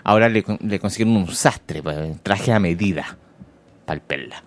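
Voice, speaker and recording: Speaking at a normal speed in a low voice, a male radio host with a Chilean accent delivers casual morning commentary. He jokes dryly about politics and reads out messages from listeners.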